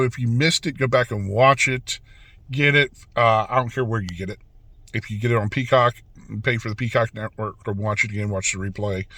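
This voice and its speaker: Relaxed man with a twang, dry sound. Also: mid-range voice, no room sound. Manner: relaxed, rambling, with fillers and restarts. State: has the hiccups. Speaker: wrestling channel host. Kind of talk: casual video review.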